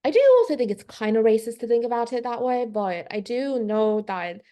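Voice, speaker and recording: In a conversational podcast, a young woman from Korea who works as a concept artist talks through her ideas thoughtfully, peppering them with "like" and restarts. Her English has a British accent lightly tinged with Californian, and her dark-toned voice is a little high and a little fast.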